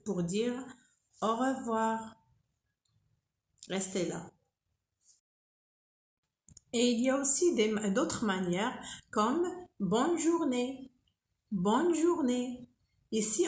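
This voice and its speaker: A woman with a fairly high voice gives a French lesson in an echoey room. She talks slowly and repeats each word with care so her learners can follow. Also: a little hiss or hum. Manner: careful, repeats words for learners. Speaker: French teacher on a video channel. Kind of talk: slow spoken French lesson.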